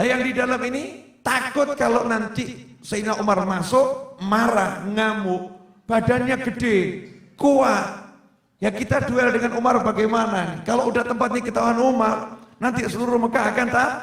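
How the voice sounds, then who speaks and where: A man's voice: high voice, fairly bright tone. A man preaching to a congregation in with a tinge, telling the story vividly, acting out the quoted lines and joking with the audience. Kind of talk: religious lecture storytelling. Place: large assembly hall. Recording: very echoey hall.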